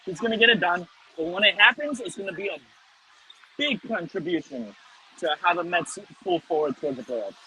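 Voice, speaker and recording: A man's voice: high-pitched, expressive, fairly quick, sharp tone, low-quality recording. A man co-hosting a casual sports fan discussion in an emphatic manner. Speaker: sports show co-host. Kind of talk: casual baseball fan talk. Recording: noticeable background ambient noise.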